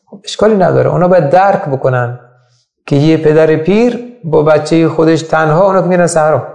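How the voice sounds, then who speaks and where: A man delivers a religious lecture in a gravelly, fairly high voice. He keeps putting rhetorical questions to his listeners. The room around him is echoey. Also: darkish tone. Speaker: religious teacher.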